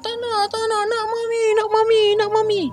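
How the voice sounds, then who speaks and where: A distraught toddler girl howls in a high, strained voice, put on by a man telling the story. She sounds far-off and tearful, over faint music. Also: monotone, normal speed. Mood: wailing. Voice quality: high, wailing. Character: panicked toddler girl wailing for her mother.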